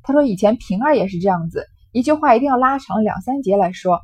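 A woman's voice: on the high side, expressive, quick pace, darkish tone, husky, no echo. A woman explaining a classic novel, retelling its scenes in a conversational way with small fillers. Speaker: literature lecturer.

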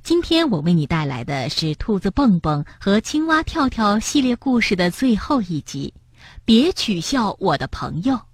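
A woman reading a picture book aloud to children as a storyteller, in a lively, expressive way. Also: medium pitch, normal speed, breathy edge, no room sound, studio quality. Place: Shenyang.

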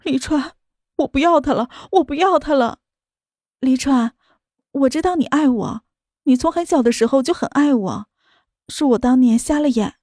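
A woman's voice: sits high, normal speed, long pauses, darkish tone, no room sound, clean studio sound, natural voice. A woman voicing a desperate young woman in an audiobook drama, pleading and tearful. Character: desperate, clinging young woman begging for love.

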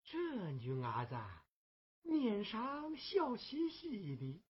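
Casting: a husky, emotional old temple keeper, slow and sing-song, Huangmei opera. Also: female voice, a little high, huge pitch swings, lo-fi sound, heavily acted. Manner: emotional, sighing and exclaiming, voice breaking into tears. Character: fussy, soft-hearted old temple keeper, a man. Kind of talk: Huangmei opera stage acting.

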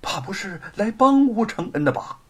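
A male storyteller voicing a sly, fawning henchman with a husky, lively voice. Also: sits high, normal speed, pitched above the performer's own voice, exaggerated voice. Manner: sly, hushed then yelling.

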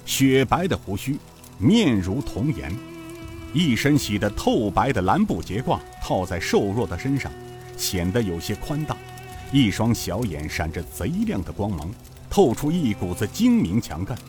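Lively low-voiced male storyteller. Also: a little slow, over music. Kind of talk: audiobook novel narration.

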